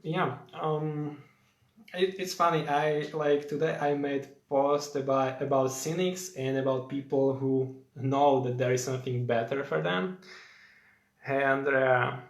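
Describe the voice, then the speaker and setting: A man's voice: medium pitch, steady tone, measured pace, reverberant. A young man from Slovakia with a Slovak accent, hosting a casual live Q&A in English, chatty and rambling with many fillers as he greets viewers by name. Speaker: host of a live stream.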